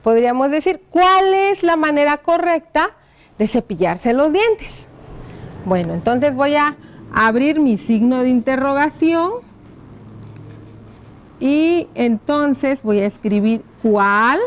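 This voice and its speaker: A woman teaching a primary school lesson on TV, talking slowly and patiently and spelling out each word as she writes, checking in with the children. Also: high voice, expressive, a little hiss or hum. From Mexico. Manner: asks the pupils rhetorical check-in questions. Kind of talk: classroom lesson on TV.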